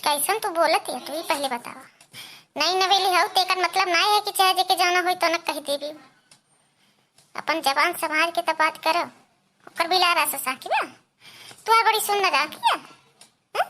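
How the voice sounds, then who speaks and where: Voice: very high voice, expressive, moderate pace, long pauses, pushed and bright, a little hiss or hum, exaggerated voice. A performer voicing a bossy older mother-in-law with an Awadhi accent in a cartoon comedy, lecturing and scolding. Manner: lecturing, scolding in a rustic village way.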